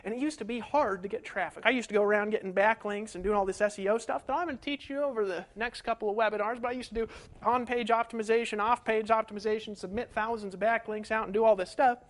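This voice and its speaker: A man coaching an online marketing webinar from a home setup, energetic and folksy, full of rhetorical questions. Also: high-pitched, quick pace. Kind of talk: webinar teaching. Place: home setup in rural hills.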